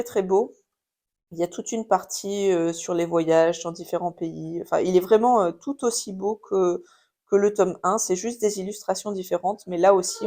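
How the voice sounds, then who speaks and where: A woman's voice: mid-range voice, dark tone. French woman, thirties, casual home haul chat, hesitant and filler-heavy. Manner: chatty, many fillers and restarts. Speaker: craft YouTuber showing purchases. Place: home with a baby nearby.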